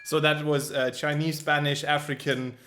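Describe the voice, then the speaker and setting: A man's voice: fairly high pitch, little pitch movement, moderate pace. A young man co-hosting a casual podcast chat, rambling with lots of fillers and frequent giggles. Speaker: podcast co-host.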